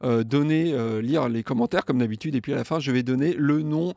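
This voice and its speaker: A man's voice: mid-range voice, brisk, creaky, no echo. A young man hosting a music gear news show, chatting casually and jokily reading out viewer comments. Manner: lively, jokey, playfully sings comments.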